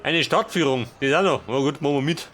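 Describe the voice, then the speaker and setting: A man's voice: a little high, fast talker. A man doing casual, colloquial let's play commentary with a flippant, joking manner. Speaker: gaming let's player.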